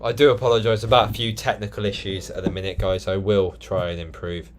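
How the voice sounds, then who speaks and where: A man hosting a live football watchalong from his flat, commentating on the match and chatting with viewers in the live chat. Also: on the low side, quick pace. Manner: chatty, answers live chat, bursts into shouting at goals. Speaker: live-stream host doing fan commentary. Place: flat indoors.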